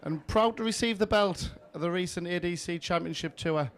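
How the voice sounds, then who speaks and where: A man's voice: sits high, moderate pace. A man giving live darts commentary in short, punchy, admiring phrases.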